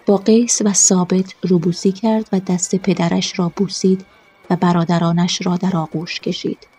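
Husky, mellow-voiced woman narrating. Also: lowish voice, flat delivery. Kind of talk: scripted narration of a first-person story.

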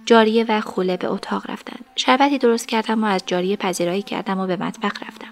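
A woman narrating a story in an even, measured voice. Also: mid-range voice.

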